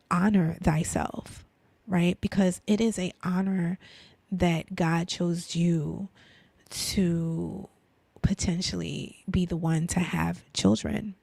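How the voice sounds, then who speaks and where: A Brooklyn-accented woman talks unhurriedly, with a gravelly edge in her voice. She keeps asking rhetorical questions and tagging on "right?", now and then sinking to a soft near-whisper. The sound is dry and close, with no room to it. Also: lowish voice, no echo. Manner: conversational, rhetorical questions, frequent "right?" and "you know". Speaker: faith and lifestyle speaker. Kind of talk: casual inspirational talk.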